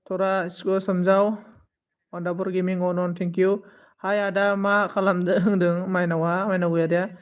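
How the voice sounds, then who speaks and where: A man's voice: high voice, smooth. A man in his twenties hosting a live stream, casually thanking viewers by name and consoling them. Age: 20s. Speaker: livestream host.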